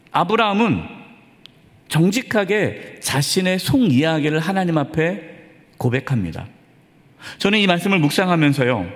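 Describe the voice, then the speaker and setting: A male pastor preaching to his congregation in an earnest, conversational tone. His voice sits fairly high and swings widely in pitch. Long reverb from the church hall surrounds every phrase. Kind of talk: sermon. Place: church sanctuary.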